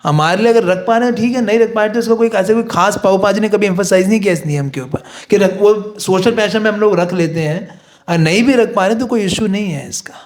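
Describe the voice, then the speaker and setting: A man's voice: sits high, fast talker. A man teaching a devotional course, explaining in Hindi with English phrases and chanting prayers. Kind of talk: devotional class lecture.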